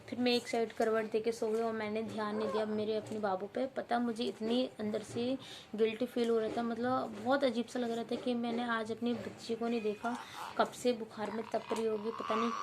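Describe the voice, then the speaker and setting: A young mother with a hoarse voice, tearfully vlogging about her sick baby. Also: fairly high pitch, background noise. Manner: tearful, worried, talking softly to her baby. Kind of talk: emotional home vlog.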